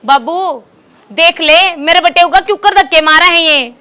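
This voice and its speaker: A woman's voice: very high voice, unhurried, bright, forceful tone, heavily acted. A woman with a Haryanvi accent playing an outspoken, protesting village wife in a comedy skit. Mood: scolding. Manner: scolding, protesting. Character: outspoken village wife defending her husband before her father. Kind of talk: rural comedy skit acting.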